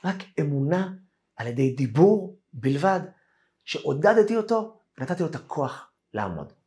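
Rabbi guy telling a story in a torah lesson, voice jumps way up and down, acts out everyone's lines. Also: on the high side. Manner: animated storyteller acting out quoted dialogue.

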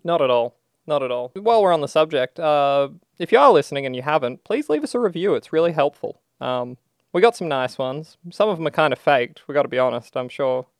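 A man's voice: a little high, lively intonation, a little fast, no room sound, clean studio sound. An Australian man co-hosting a podcast, chatting casually in a wry, joking, colloquial way. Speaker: podcast co-host. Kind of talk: casual chat.

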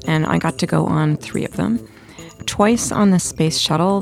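A woman's voice: low voice, gravelly. A middle-aged woman from Massachusetts, a retired astronaut, telling her story in an enthusiastic, casual way.

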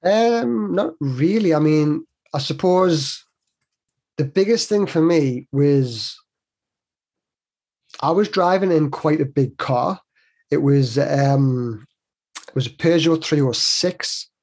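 A man in his forties tells stories as a guest, talking in a loose, rambling way. His voice sits a little high and has a husky grain. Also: takes it slowly, pauses often, darkish tone. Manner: chatty, rambling, with many restarts. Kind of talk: casual conversational storytelling.

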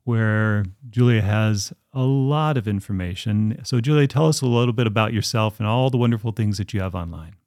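A man's voice: on the low side, normal speed, hardly any pauses, a little mellow, dry recording. Upbeat male podcast host, dry sound. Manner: upbeat, enthusiastic. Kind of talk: casual interview chat.

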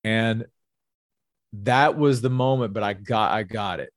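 A man's voice: on the low side, a little slow, no room sound, studio quality. A man in his forties, a sales executive, earnestly telling a personal story as a podcast guest and often repeating his words.

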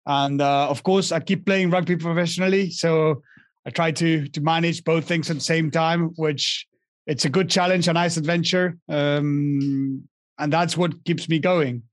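A man's voice: fairly high pitch, fairly even intonation, a little slow, no room sound, clean studio sound. A young man from Argentina, a guest in a casual interview, speaking with many restarts and fillers. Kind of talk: casual interview over a call.

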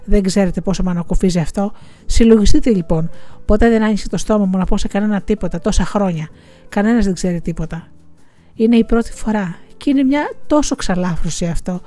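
A woman voicing a grieving, bitter widowed village schoolteacher in an audiobook, speaking in a quiet confessional way. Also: medium pitch, close to an everyday voice. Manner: quiet confessional, tearful, resentful. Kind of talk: audiobook reading.

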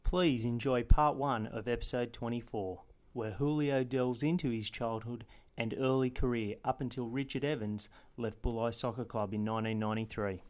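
A man's voice: mid-range voice, steady tone, normal speed, hardly any pauses, darkish tone. A man hosting a local football history podcast, reading a formal intro and then interviewing a guest.

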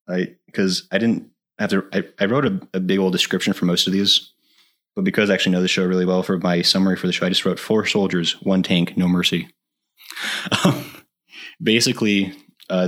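Man, very low voice, podcast co-host, casual chat, enthusiastic, laughs a lot. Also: a bit bright. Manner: enthusiastic, laughs often, many fillers.

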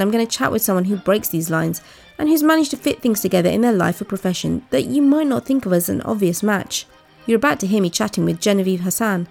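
A woman's voice: mid-range voice, creaky, a little mellow. A woman hosting a podcast, reading a friendly introduction and then asking her guest questions. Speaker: podcast host.

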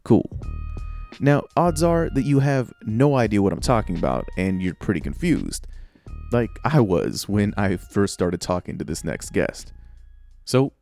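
A man's voice: lowish voice, very animated, measured pace, vocal fry, a little mellow, faint music behind. A man hosting and narrating a podcast in a conversational, scripted way. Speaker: podcast host and producer.

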